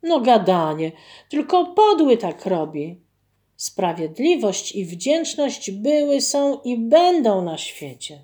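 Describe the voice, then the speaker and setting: An earnest, simple-hearted peasant man from a storybook folk tale, voiced by a woman reading aloud. He exclaims readily, and his voice swings widely. The pace stays slow. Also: fairly high pitch, big pitch swings, dark tone. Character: simple, earnest male peasant, easily dismayed.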